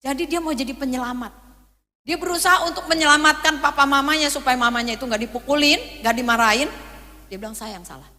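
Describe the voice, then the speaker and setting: Woman pastor preaching, high bright voice, lots of echo from the church hall. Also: fast. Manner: animated storytelling, acting out quoted voices, addressing the congregation. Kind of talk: sermon.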